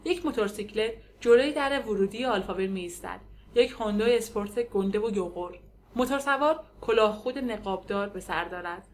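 A woman narrating an audiobook in a measured, descriptive way. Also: mid-range voice, soft background music. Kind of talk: scripted narration.

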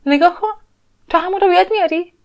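A woman voicing an ancient, wistful energy being that was once human, speaking gently in a dull lo-fi recording. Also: very high voice. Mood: coaxing.

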